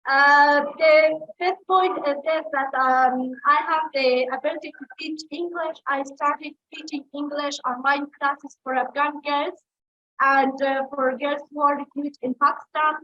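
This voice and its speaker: Young woman, participant testimonial, hesitant, lo-fi call audio, bright tone. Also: high voice, steady tone, a little slow. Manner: hesitant, many uh fillers. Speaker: program participant. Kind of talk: online testimonial speech.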